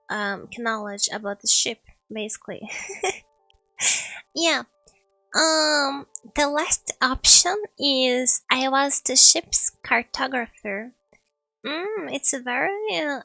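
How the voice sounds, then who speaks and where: A woman's voice: fairly high pitch, vocal fry, bright, forceful tone, no echo, rough recording. A woman streaming a story game, chatting casually and reading its text aloud, giggling and tripping over words. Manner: giggly, trips over words and laughs at herself.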